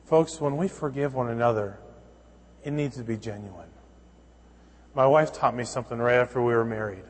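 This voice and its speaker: A pastor delivering a sermon, telling stories with acted-out dialogue and building to emphatic points. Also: male voice, mid-range voice, moderate pace, big-room sound. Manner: storytelling with acted dialogue, rising to emphatic preaching.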